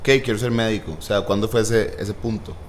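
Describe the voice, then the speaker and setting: A man's voice: on the low side, steady tone, a little fast, slight background noise. A man hosting a podcast, introducing his guest and joking casually. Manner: jokey, laughs often. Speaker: podcast host. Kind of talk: casual interview chat.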